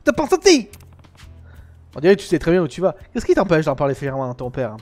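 A man's voice: on the high side, expressive, rapid-fire, darkish tone, faint music behind. A French man reading and acting out game dialogue on a live stream, switching between character voices and playful asides.

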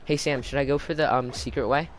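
A man streaming a party game with friends, joking around and laughing often in loose, excitable banter. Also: mid-range voice, quick pace, low-quality recording. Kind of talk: casual gaming banter. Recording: loud background noise.

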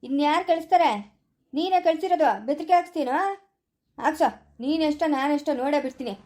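Lady doing an angry village dad yelling accusations, high mellow voice, fast. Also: lightly acted. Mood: accusing. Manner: shouting, accusing. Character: angry middle-aged village father. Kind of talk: village family skit acting.

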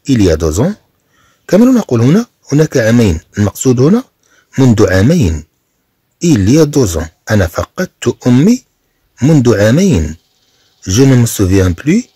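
A man with a Moroccan accent, teaching a bilingual reading lesson, explaining slowly and repeating phrases. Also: medium pitch, dark tone, husky, no echo, clean studio sound.

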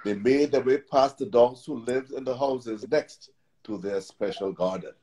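Man reading a kids' story, even mid-pitched voice, calm and plain. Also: measured pace, rough recording. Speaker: narrator. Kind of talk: reading a children's story aloud.

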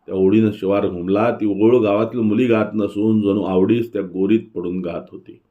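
Man reading a story out loud, deep voice, dramatic pauses. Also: phone-quality sound. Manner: expressive storytelling, slow emphatic pauses. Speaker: reader.

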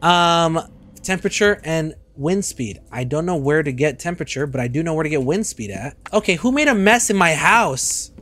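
A young man in his twenties giving casual, joking commentary while streaming a game, with loud outbursts and swearing, on a studio mic. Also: a little high, expressive, normal speed. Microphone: studio mic on arm.

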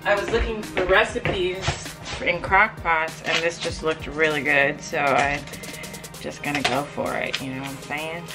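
A woman's voice: sits low, fairly even intonation, measured pace, over music. A woman vlogging casually in her home kitchen, walking viewers through a recipe. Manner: chatty, walks viewers through her cooking. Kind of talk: casual vlog narration.

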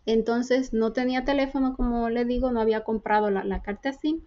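A woman's voice: on the high side, fairly even intonation, brisk, warm tone, muffled recording. A woman from the Dominican Republic with a Dominican Spanish accent, earnestly telling her faith testimony as a guest and acting out the dialogue she recounts.

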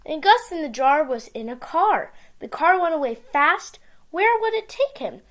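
A woman reading a picture book aloud to young children with simple, expressive storytelling, recorded in a small room on a device mic. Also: sits high, unhurried. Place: small indoor room with bookshelves.

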